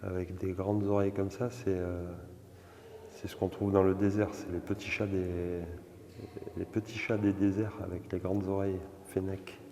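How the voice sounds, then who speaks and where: A man touring an ancient temple and talking casually to his viewers. He speaks in hushed, awed remarks that often trail off, and his voice rings with a long echo in a big stone chamber. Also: low-pitched, level tone, moderate pace, slight background noise. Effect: long echoing reverb, like a vast stone hall. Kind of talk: casual spoken tour commentary. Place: large indoor stone chamber.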